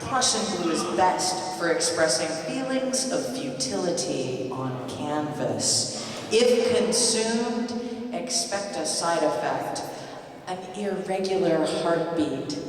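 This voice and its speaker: Wry poet with a lively, swooping voice. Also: medium pitch, takes it slowly. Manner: wry, delivers the poem as a mock pop quiz. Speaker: poet and high school teacher. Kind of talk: spoken word poetry. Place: large indoor hall with an audience. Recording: echoey hall, voice from far off.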